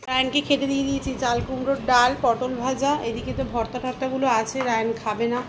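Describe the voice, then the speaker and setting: Woman vlogger, higher voice, chatty housework narration, noisy home recording. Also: little pitch movement, brisk. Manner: chatty, talks to viewers while doing housework. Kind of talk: casual vlog narration.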